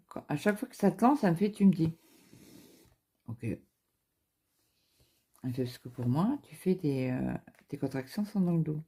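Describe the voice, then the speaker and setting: A woman's voice: extremely low pitch, creaky, mellow, husky. A young woman, a craft vlogger, casually telling a personal story and acting out the dialogue with lots of fillers and restarts. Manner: retells events through quoted dialogue, with frequent fillers and restarts.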